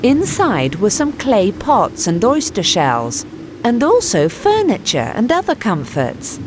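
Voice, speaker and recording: A woman narrating a storybook chapter aloud in an expressive reading voice. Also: on the high side, takes it slowly, noisy background.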